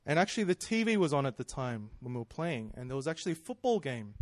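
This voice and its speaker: In a personal storytelling sermon, an Australian man in his 30s preaches in a chatty, self-deprecating way, often breaking into laughter. His medium-pitched voice is very animated, and he talks fast. There's no echo on the recording.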